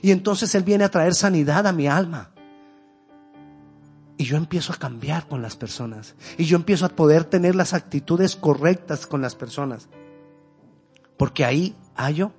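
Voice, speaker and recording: A man preaching a sermon, moving between loud fervent rises and hushed, intimate lows, sometimes slipping into a conversational story. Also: moderate pace, husky, faint music behind. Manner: tells a homely story in a conversational way.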